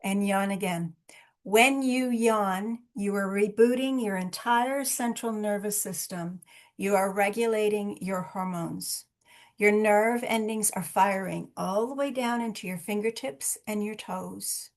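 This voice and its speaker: A woman leading a wellness session over a video call, with a calm, instructing manner, speaking directly to her listeners. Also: medium pitch, measured pace. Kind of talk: guided relaxation and live workshop talk.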